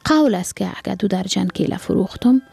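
A woman voicing a poor old grandfather who sells bananas, speaking gently and patiently in an Afghan Dari accent. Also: medium pitch, lively intonation, creaky, slightly rough, exaggerated voice. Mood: gentle. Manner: gentle, lecturing, then hawking loudly.

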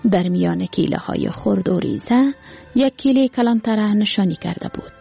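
A woman with an Afghan Dari accent narrating a story calmly and evenly. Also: medium pitch, gravelly, husky, faint music behind.

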